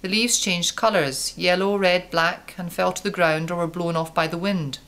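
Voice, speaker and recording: A woman's voice: on the low side, fairly even intonation, normal speed, fairly bright tone. A woman telling it as an old wrinkled apple man. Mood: recounting. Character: old wrinkled male apple, wise storyteller.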